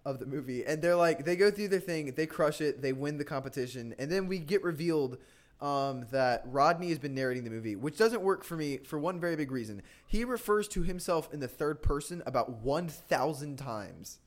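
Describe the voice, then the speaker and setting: A male podcast co-host in loose, casual chat, rambling through a plot recap and laughing often. His voice sits a little high for a man. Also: animated, fairly quick.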